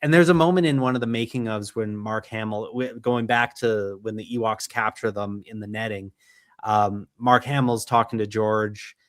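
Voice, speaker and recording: A man's voice: fairly low pitch, steady tone, moderate pace, no echo, studio quality. A man from Canada hosting a casual podcast chat, an enthusiastic fan who talks in long rambling thoughts. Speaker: podcast host.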